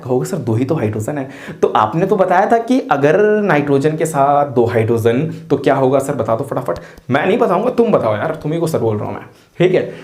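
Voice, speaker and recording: Man, chemistry teacher, playful and chatty, very animated pitch, echoey room. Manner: playful, asks students questions and answers in their voice. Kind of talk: chatty classroom explanation. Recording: roomy echo.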